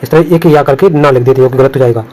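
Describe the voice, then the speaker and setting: Here the Hindi exam coach speaks quickly at a medium pitch with a slightly mellow sound, the recording rough. He goes through spellings on his on-screen notes, repeating every word and cautioning about errors that will be marked wrong.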